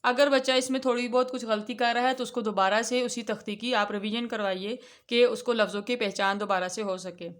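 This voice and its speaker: A woman with a fairly high voice leads a children's Quran reading lesson. She explains each point patiently and draws out the letter names when she recites them. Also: fairly even intonation, hardly any pauses. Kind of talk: instructional lesson.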